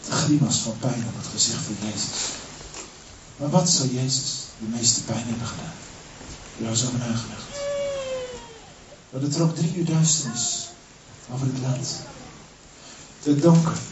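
A male pastor preaching a sermon with dramatic storytelling and rhetorical questions. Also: mid-range voice. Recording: echoey church hall, distant dull mic, noisy.

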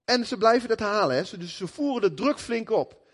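Lively male preacher in a reverberant hall. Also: sits high, a little fast. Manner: lively, conversational, acts out quotes. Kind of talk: sermon.

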